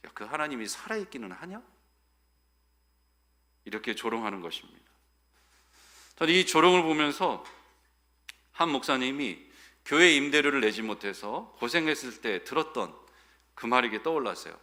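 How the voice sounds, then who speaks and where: A middle-aged man delivering a sermon as pastor, preaching expressively and swinging from loud declarations to hushed asides. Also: medium pitch, lively intonation, normal speed, pauses often.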